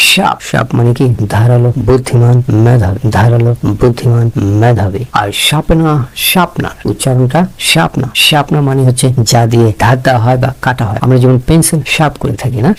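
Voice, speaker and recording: Male teacher with a Bangladeshi accent, brisk drill-style vocabulary lesson, mid pitch. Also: darkish tone, low-quality recording. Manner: repeats each word and meaning in a drilling rhythm.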